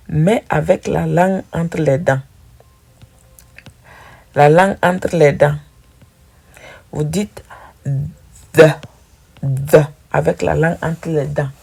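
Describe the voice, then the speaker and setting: Slow, gravelly-voiced woman teaching pronunciation. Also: low voice, warm tone. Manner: slow, patient, repeating sounds for drilling. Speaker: English teacher. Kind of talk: pronunciation lesson.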